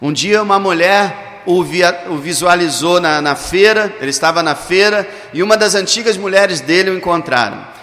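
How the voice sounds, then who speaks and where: Sex: man. Role: pastor. Style: emphatic sermon. Pitch: fairly high. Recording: long church reverb. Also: fairly bright tone. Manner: emphatic, dramatic storytelling with slowed stresses.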